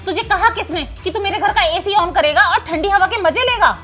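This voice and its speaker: Over soft background music, a woman with an extremely high, bright and forceful voice speaks briskly in a scripted Hindi skit. She plays a bossy wealthy house mistress, scolding and taunting in a short drama.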